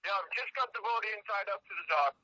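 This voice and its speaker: A man's voice: high voice, quick pace, pushed and bright, no room sound. A man, a tournament angler, calling in and heard over a cell phone on speakerphone, giving brief, matter-of-fact answers. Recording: tinny speakerphone line, distant.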